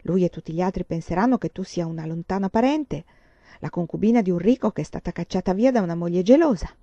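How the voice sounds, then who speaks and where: A woman reading the part of a kind, protective village wife, speaking gently and courteously. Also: on the low side, animated, fast talker, no room sound, dull audio. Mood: reassuring.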